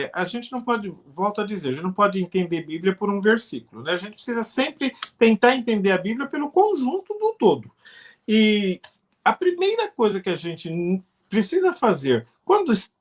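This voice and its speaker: An older man from Brazil, a pastor, answering in an earnest, explanatory way during a live-streamed interview. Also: high voice.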